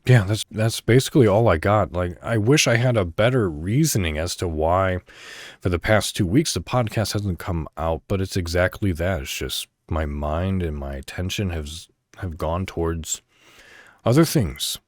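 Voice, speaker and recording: A low-voiced man speaking at normal speed hosts a solo podcast, chatting casually, rambling a bit and reading articles aloud. It's a dry, studio-quality recording.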